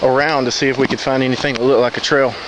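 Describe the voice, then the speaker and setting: A man with a mid-pitched voice talks casually to his audience as he hikes. His narration is unscripted and plain, like a trail diary. Clear outdoor noise from a stream runs behind him. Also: flat delivery, fast. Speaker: hiking vlogger. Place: outdoors on a rocky riverside woodland trail. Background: stream and natural ambience.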